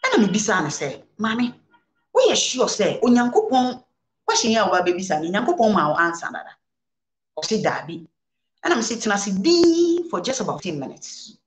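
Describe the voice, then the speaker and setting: Her medium-pitched voice swoops wildly at a normal speed in an echoey room: a Ghanaian-accented woman reverend, guest on an indoor studio set. She answers interview questions like a sermon, blending English and Twi and repeating phrases for emphasis.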